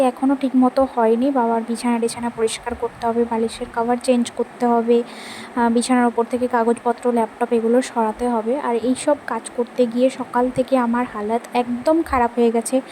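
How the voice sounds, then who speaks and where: A woman's voice: fairly high pitch, dark tone, a little hiss or hum, rough recording. A young woman chatting casually through a home vlog, narrating her chores on a handheld phone while pregnant and sweaty from housework. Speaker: vlogger. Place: home, rooms and kitchen.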